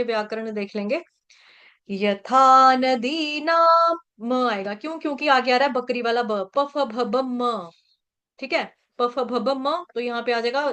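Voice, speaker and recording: A woman teaching a devotional pronunciation lesson, chanting verse lines slowly and repeating words syllable by syllable to drill them. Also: on the high side, a bit bright, smooth. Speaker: scripture recitation teacher.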